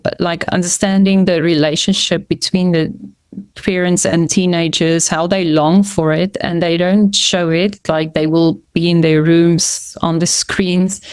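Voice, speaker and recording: Her voice is fairly low-pitched, a little mellow, and smooth, heard in a dry recording. She's a middle-aged Afrikaans-first-language woman chatting casually as a podcast guest, hesitant and full of fillers and restarts.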